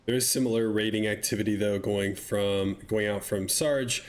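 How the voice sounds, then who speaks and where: Calling a strategy match at normal speed, this young caster has a somewhat low, congested, faintly nasal voice. His video game commentary is laid-back and conversational, peppered with dry asides, over a faint background hum.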